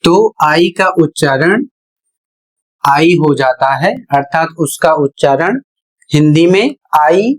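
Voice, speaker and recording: A teacher explaining English pronunciation rules one step at a time, in a measured, repetitive way. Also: mid-range voice. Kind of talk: slow explanatory lesson narration.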